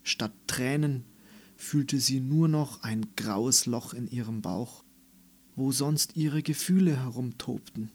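Male narrator for a children's book, unhurried, calm, mid-pitched. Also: slightly rough. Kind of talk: scripted storybook narration.

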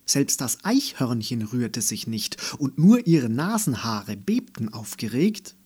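A man narrating a children's storybook in a calm, unhurried reading voice. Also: medium pitch, husky.

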